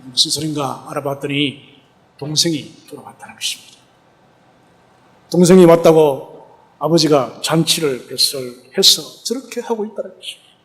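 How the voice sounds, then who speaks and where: A man's voice: on the high side, normal speed, fairly bright tone. A male pastor preaching a sermon, retelling a parable and asking rhetorical questions.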